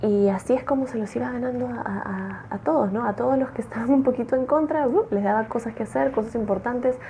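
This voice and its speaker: A woman telling a true-crime story in a chatty, expressive way, acting out the quotes. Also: on the high side, quick pace, a little hiss or hum.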